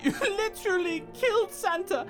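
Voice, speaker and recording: A woman's voice: extremely high pitch, normal speed, over music. A woman voicing a tearful, indignant young girl in a comic sketch.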